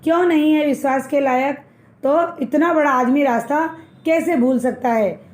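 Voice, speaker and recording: A woman's voice: high-pitched, normal speed, a little mellow. A woman teacher retelling a textbook story as a lesson, repeating phrases and explaining the meanings of words.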